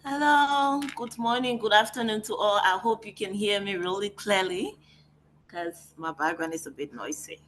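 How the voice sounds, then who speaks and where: Speaking at medium pitch and a moderate pace, this Liberian-accented woman presents online as a facilitator and climate negotiator, calling in from somewhere noisy. Her tone is fairly bright, friendly and upbeat, though the poor audio carries a little hiss or hum.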